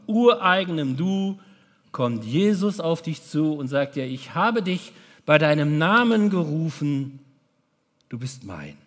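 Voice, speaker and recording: A man delivers a sermon in a slightly high voice, with deliberate, unhurried phrasing. He often sinks suddenly into a hushed tone. His words ring out with a long hall reverb, as in a church. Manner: dramatic, with sudden drops to a hushed voice. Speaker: preacher.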